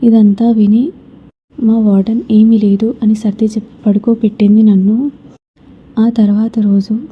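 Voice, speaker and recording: Breathy, flat-voiced woman telling a horror story. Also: medium pitch, lo-fi sound. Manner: soft, often slipping into a whisper.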